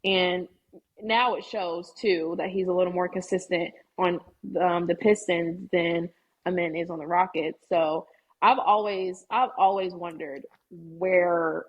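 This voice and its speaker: A woman's voice: lowish voice, steady tone, a little slow, breathy edge, muffled recording. A young woman chatting as a podcast guest, opinionated and chatty with many "like"s. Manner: chatty, opinionated, uses "like" often. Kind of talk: casual chat.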